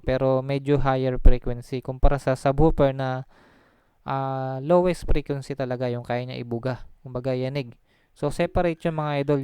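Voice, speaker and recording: Speaking over slides, the same kind of audio-gear channel host explains things casually in a warm, smooth, mid-range voice, recorded dry. He rambles chattily with plenty of fillers and false starts, letting his voice fall on tag phrases.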